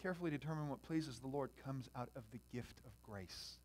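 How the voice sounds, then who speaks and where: This sermon comes from a pastor with a medium-pitched voice who talks a little fast. Speaking directly to his listeners, he alternates between calm conversation and loud, passionate preaching.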